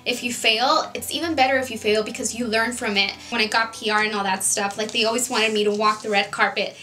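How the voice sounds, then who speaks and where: A woman's voice: on the high side, fairly even intonation, brisk, pushed and bright. A young woman in her twenties chatting casually on her vlog, earnest and full of "like" and "you know" fillers. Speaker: beauty vlogger. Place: home, Southern California.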